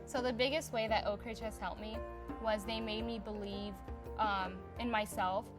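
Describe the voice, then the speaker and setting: A woman's voice: mid-range voice, fairly even intonation, moderate pace, music in the background. Young woman in a casual interview. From Somalia. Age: young adult. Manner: chatty and unpolished, heavy on filler words. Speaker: interviewee in a community profile.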